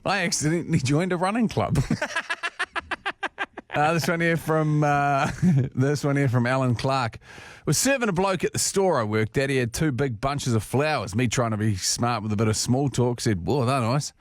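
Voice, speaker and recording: A man's voice: mid-range voice, moderate pace, dry recording, clean studio sound. A man co-hosting a radio show, reading listener stories aloud and giggling as he goes. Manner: animated, giggling reader. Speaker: radio co-host.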